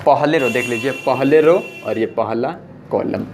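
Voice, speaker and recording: A male math teacher, pitched at a middling level for a man. He walks through each step slowly and repeats it, urging the class to watch closely. A faint hiss of noise sits under the voice. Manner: patient, repeats steps and urges listeners to pay attention. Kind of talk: blackboard math lesson.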